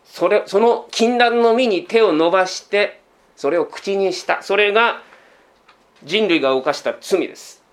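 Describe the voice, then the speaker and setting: Speaking unhurriedly in a voice that sits high, a man delivers a sermon as a pastor. He talks to his listeners casually, poses question after rhetorical question, and keeps tacking a trailing "this" onto the end of his sentences.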